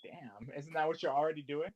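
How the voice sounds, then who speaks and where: A man's voice: fairly high pitch, fairly quick, dull audio, a little hiss or hum. A man co-hosting a podcast in casual chat over an online voice call, tossing out ideas in a laid-back, offhand way. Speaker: podcast co-host.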